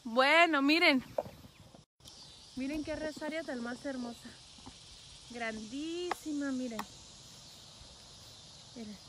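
A woman's voice: high voice, slow pace, pauses often, noisy background. A woman truck driver, chatting casually with viewers on a live stream from a phone outdoors at a rest area, greeting them by name and laughing often. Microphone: phone held at arm's length.

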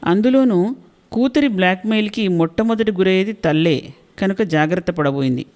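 A woman's voice: mid-range voice, a little fast, darkish tone. Woman storyteller reading a short story. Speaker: storyteller and channel host. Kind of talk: scripted story narration.

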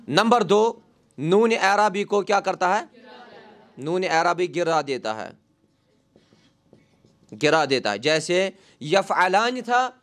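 A man with a fairly high voice teaches a grammar class. He puts questions to his students and answers them himself. He spells out the Arabic examples slowly before he translates them. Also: fairly bright tone. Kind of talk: grammar lesson.

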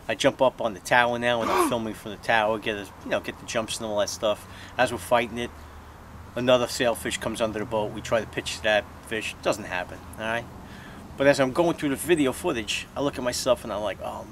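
A man's voice: medium pitch, fairly bright tone. Middle-aged male fishing host; casual joking narrator on deck, noisy outdoor sound. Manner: jokey, chatty, says "all right?" often. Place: outdoors on a boat at sea.

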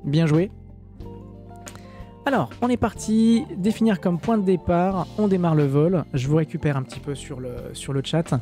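Un streamer français sans accent qui commente un simulateur de vol en direct, lit le chat et plaisante, avec beaucoup d'hésitations. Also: male voice, fairly high pitch, normal speed, warm tone, faint music behind. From France. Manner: chatty, joking, many hesitations. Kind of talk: live-stream flight sim commentary, reading chat.

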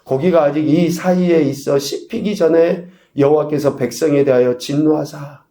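A male pastor preaching a sermon, asking the congregation rhetorical questions and swinging between loud emphasis and quiet asides. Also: on the high side, fairly even intonation, moderate pace, roomy sound. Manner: preaching with rhetorical questions and sudden shifts in volume. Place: church sanctuary.

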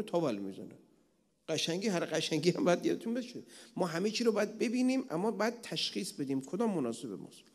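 A man's voice: high-pitched, darkish tone. A male cleric gives a conversational religious lecture at a retreat, asking rhetorical questions and using plain everyday examples. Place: large prayer hall of an Islamic center. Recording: long hall reverb.

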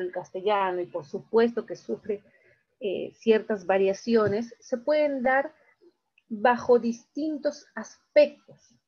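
A woman's voice: a little high, dull audio. A woman teaching a recorded class, explaining step by step and checking in often with her students. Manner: slow, explains step by step with frequent check-ins.

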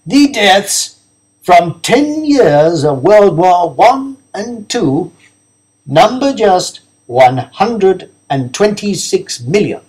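A man voicing an old professor who lectures a hall in a slow, grave, booming voice. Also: big pitch swings, darkish tone, breathy edge, exaggerated voice.

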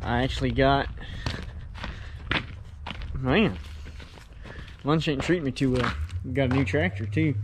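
Young male farm vlogger, relaxed and rambling, action-cam sound with noisy shop and engine behind. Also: mid-range voice, unhurried, pauses often. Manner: relaxed, rambling, talks while working. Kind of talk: casual first-person workshop vlog. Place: outdoors on a farm and in a workshop.

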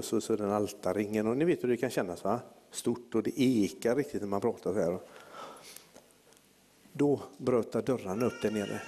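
A man preaching, telling a long story and putting on the voices of the people in it. His voice is gravelly and husky, with a dark, mellow tone. The sound rings with a long hall reverb. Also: mid-range voice. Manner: lively anecdotal preaching with acted-out quotes. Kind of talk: sermon storytelling.

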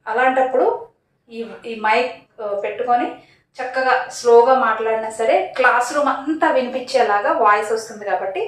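A woman's voice: fairly high pitch, a little fast. A woman schoolteacher casually explaining and demonstrating a small clip-on mic to camera, in a plain, practical way. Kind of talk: casual product demo to camera. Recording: roomy echo, mic set away.

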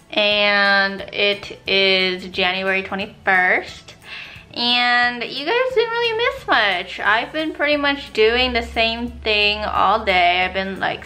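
A woman's voice: on the high side, animated, slow pace, bright, forceful tone, soft background music. A woman in her twenties, a nursing student, chatting casually to camera in a vlog, full of "like" and "um". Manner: chatty, filler-heavy, uses "like" a lot.

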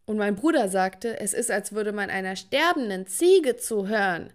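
A young adult woman narrating a first-person story from a script, lively and dramatic. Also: mid-range voice, normal speed.

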